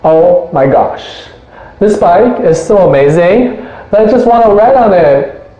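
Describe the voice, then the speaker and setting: A man's voice: high voice, animated, measured pace, dark tone, echoey room, dull audio, pitched above the performer's own voice. A man putting on a gushing valley girl voice.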